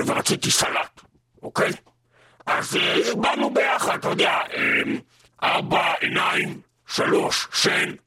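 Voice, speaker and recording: A man playing Satan as a crude, boastful, gravelly devil in a mock-formal, rambling comedy radio interview. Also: fairly high pitch, bright, forceful tone, slight background noise, full character voice. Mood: boastful, relishing.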